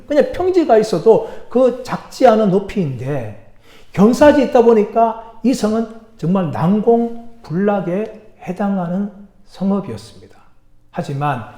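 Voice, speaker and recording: A pastor delivering a sermon, telling a story animatedly and asking the congregation questions. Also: male voice, sits high, echoey room. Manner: animated storytelling, acting out quoted characters. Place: church sanctuary.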